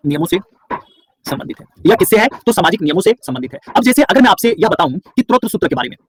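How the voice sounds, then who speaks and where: Fast, husky male teacher. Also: sits high, no echo. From Bihar. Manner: asks a question and answers it himself, repeating key words. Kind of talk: online exam-prep class lecture.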